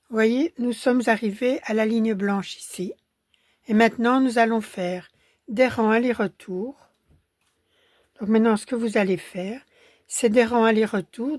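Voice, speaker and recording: In a dry, studio-quality recording, a woman speaking with a Belgian French accent guides listeners through a crochet pattern one step at a time. Her mid-range voice is hoarse from a cold, and she calmly counts stitches under her breath.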